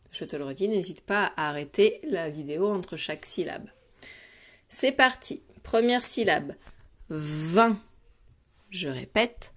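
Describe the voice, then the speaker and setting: A woman teacher giving a dictation lesson to young children, speaking clearly and patiently and addressing the child directly. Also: on the low side. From France. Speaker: primary school teacher.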